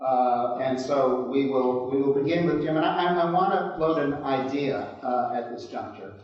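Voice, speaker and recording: Heard through a low-quality stream, a man moderates a conference panel, his voice distant and swimming in heavy hall echo. The sound is dull and muffled, and he talks hesitantly with frequent fillers. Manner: hesitant, many filler pauses. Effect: low-quality live stream recording.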